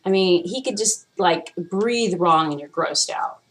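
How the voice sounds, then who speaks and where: This vlogger speaks on the low side, a little slowly, with a fairly bright tone. Chatting casually to camera, she's candid, rambles, swears frequently and playfully tries out various voices.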